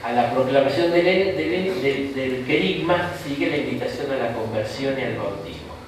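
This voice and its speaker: A bishop's medium-pitched, expressive voice carries through an echoey room at normal speed, captured from far off against a noisy background. Teaching an informal Bible course in Rioplatense Argentine Spanish, he's chatty and full of jokes, tagging lines with a questioning "¿no?".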